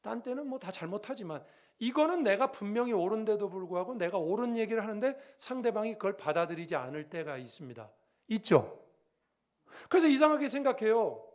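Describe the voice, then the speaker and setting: A man's voice: sits high, fairly quick. A middle-aged man preaching a sermon as pastor, telling stories with acted-out voices and asking the congregation questions. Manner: lively storytelling, acting out quoted voices; asks the congregation questions directly.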